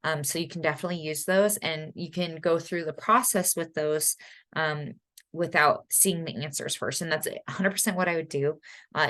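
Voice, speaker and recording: A woman's voice: deep voice, fairly bright tone. A woman lecturing online as a college statistics instructor, chatty, with frequent ums and self-corrections.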